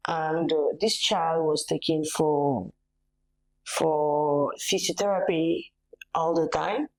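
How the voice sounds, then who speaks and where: Slow-spoken Cameroonian woman. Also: sits low, rough recording. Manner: measured, earnest, pauses with fillers. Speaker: medical tourism facilitator, patient's mother. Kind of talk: interview guest speaking slowly.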